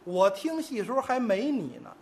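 A man's voice: high-pitched, wildly swooping pitch, moderate pace, darkish tone, a little hiss or hum, heavily acted. A man voicing a stern old theatergoer who lectures a young man at the opera. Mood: scolding. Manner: scolding, preachy.

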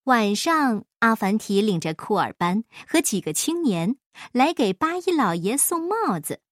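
Field: storytelling. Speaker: woman reading a children's story. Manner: expressive, slow. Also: fairly high pitch, dry recording, studio quality. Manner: expressive, measured.

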